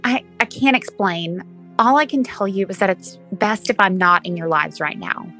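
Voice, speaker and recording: A woman's voice: medium pitch, expressive, normal speed, sharp tone, soft background music. An actress playing a guarded, secretive woman in an audio drama, evasive and tense. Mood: anxious, firm.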